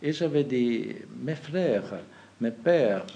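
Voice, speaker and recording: A bishop from Kazakhstan speaks to the faithful, slowly and haltingly, in a language that is not his first. He restarts his sentences often and fills the gaps with little hesitations. A faint hiss of noise sits under his voice. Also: mid-range voice, animated, lo-fi sound. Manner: halting, many restarts and fillers, laughs at own anecdotes. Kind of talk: talk to the faithful.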